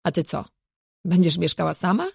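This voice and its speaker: A woman's voice: on the low side, normal speed, gravelly, breathy edge, no room sound, studio quality, heavily acted. A woman voicing a fussy, scheming middle-aged mother in an audiobook, who talks dramatically and drops into conspiratorial whispers. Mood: dramatic. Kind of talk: audiobook character voice.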